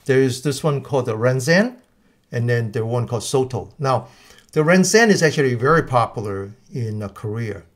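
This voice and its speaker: A man talks in a middle-pitched voice. He explains at length in a live question-and-answer show. He stops and restarts his sentences often as he searches for words. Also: lively intonation. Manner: halting, many restarts. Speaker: guest teacher.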